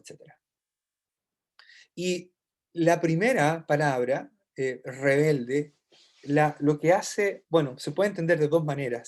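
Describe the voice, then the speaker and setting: A man teaches a Bible study in a somewhat high voice. He explains patiently, repeats key phrases and often checks that his listeners are following. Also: darkish tone.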